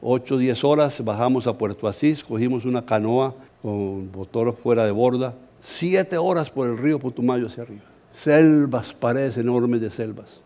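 A middle-aged Colombian man, a pastor, preaching a sermon as an animated, humorous story. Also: mid-range voice, moderate pace, hardly any pauses. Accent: Colombian Spanish.

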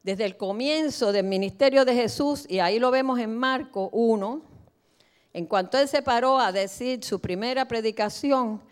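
A woman's voice: a little high, normal speed, clear, resonant tone. Emphatic woman preaching a sermon. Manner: emphatic, swings between soft asides and loud declarations. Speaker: pastor. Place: church.

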